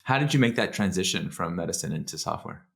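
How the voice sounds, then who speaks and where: A man's voice: sits low, lively intonation, quick pace, vocal fry, a bit bright. A man hosting a podcast, asking short, curious interview questions. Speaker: podcast host.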